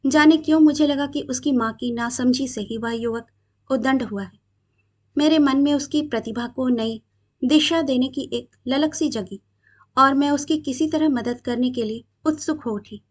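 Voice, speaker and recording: High-voiced woman reading a story. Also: normal speed. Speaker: story narrator. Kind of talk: reading a short story aloud.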